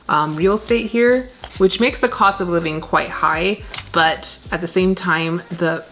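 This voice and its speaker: Her voice sits low with a fairly bright tone. She's a plant vlogger from Canada, casually repotting plants at home and rambling with lots of fillers, recorded by a camera on a desk at medium framing inside an indoor plant room with shelved plants.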